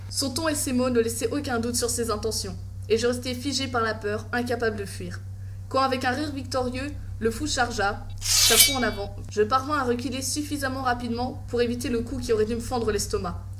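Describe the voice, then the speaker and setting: A woman's voice: fairly high pitch, brisk, fairly bright tone, a little hiss or hum. A woman reading a scripted first-person horror story as its narrator.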